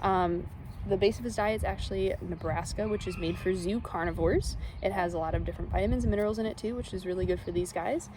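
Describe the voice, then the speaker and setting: Woman, medium pitch, zookeeper, casual educational demo, simple child-friendly explanations, light ambient background noise. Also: fast talker. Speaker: zookeeper and animal trainer. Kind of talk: informal educational demonstration.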